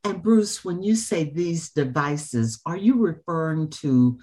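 A woman hosting an interview in a formal, measured and emphatic manner, with deliberate phrasing. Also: low voice, lively intonation, dark tone. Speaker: show host and interviewer. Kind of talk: formal scripted introduction and interview.

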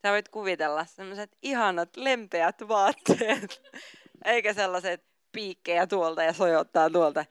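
A woman's voice: medium pitch, clear, resonant tone, dry recording, clean studio sound. A woman pastor giving a sermon, reading scripture aloud and then talking casually and informally.

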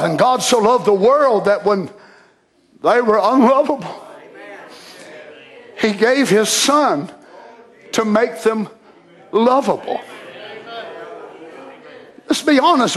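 A man preaching an impassioned sermon, shouting at the peaks and dropping to a hush. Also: sits high. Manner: shouting, impassioned, swings from loud to soft.

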